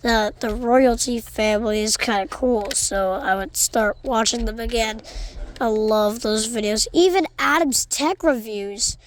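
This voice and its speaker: Slow, rambling woman with allergies. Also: a little high, a little hiss or hum. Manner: rambling, with many restarts. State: stuffy from allergies. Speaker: vlogger. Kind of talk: casual unboxing vlog.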